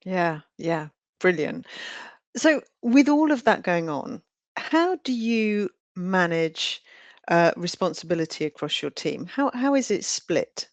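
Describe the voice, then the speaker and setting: A woman's voice: fairly low pitch, sing-song, takes it slowly, no room sound. A woman hosting a webinar, reading a scripted introduction and asking friendly, upbeat questions. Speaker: webinar host.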